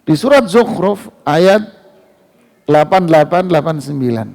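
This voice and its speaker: A man preaching a sermon in a mosque, animated, climbing loud on key words and slowing down to recite verses. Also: on the high side, vocal fry.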